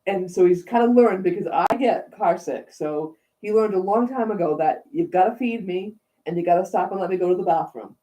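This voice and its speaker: A woman co-hosting a casual chat, chatty and quick to laugh. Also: on the low side, dark tone, poor audio. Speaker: co-host.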